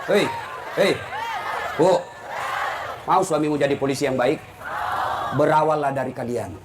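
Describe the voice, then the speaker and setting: A middle-aged man giving a humorous sermon, animated and teasing, acting out voices of husbands and wives. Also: a little high, unhurried, a loud crowd. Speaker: preacher. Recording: noisy live event recording.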